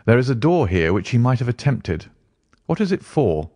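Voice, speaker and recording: A man voicing a sharp, commanding male detective who speaks briskly and insistently. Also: medium pitch, sing-song, no room sound, voice pushed up.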